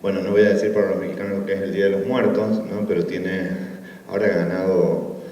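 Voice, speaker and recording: Low mellow argentine guy from córdoba giving a talk, far off in a big echoey hall, kinda muffled. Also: quick pace. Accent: Argentine Spanish, Córdoba. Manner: relaxed, many fillers and tag questions. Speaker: academic conference speaker. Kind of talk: conference talk. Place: conference room. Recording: distant, echoey hall, dull sound.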